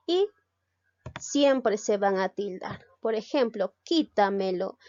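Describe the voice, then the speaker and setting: A woman's voice: a little high, a little mellow, no echo. A woman teacher giving a recorded class, explaining step by step and asking and answering her own questions. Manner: checks understanding with a short tag question. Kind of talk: recorded online class lesson. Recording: dull lo-fi dry recording.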